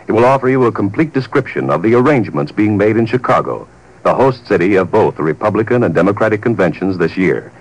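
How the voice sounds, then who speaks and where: A man's voice: fairly low pitch, lively intonation, fast, husky, low-quality recording. A man announcing an upcoming program in formal, polished 1940s radio style.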